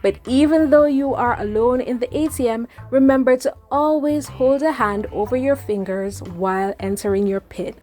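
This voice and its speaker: A woman's voice: a little high, moderate pace, few pauses, darkish tone. Upbeat woman giving tidy vlog advice. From Jamaica. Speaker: travel vlogger and host. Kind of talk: scripted advice vlog narration. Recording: voice-over with music behind.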